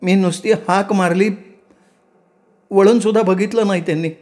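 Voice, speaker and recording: A man's voice: sits high, fairly even intonation, moderate pace, a little mellow, voice pushed up, close to an everyday voice. A man doing a timid tearful young wife. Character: young tearful daughter-in-law Malti, timid.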